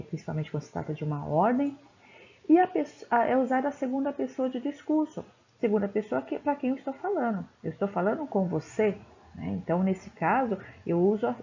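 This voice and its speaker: Gravelly, warm-voiced woman teaching. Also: mid-range voice. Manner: explanatory, checks in with "tá?" and "né?". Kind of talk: classroom lecture. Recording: dull, lo-fi recording.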